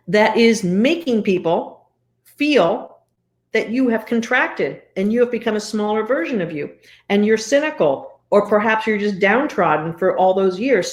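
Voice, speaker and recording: A middle-aged woman coaching viewers in a direct, emphatic talk that repeats points for emphasis. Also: fairly low pitch. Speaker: leadership coach.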